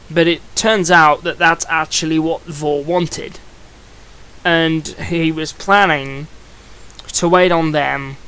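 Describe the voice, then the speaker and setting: A man's voice: on the high side, a bit bright, clear, resonant tone. A young man giving a casual video review, rambling and chatty, often restarting his sentences. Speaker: comic book reviewer.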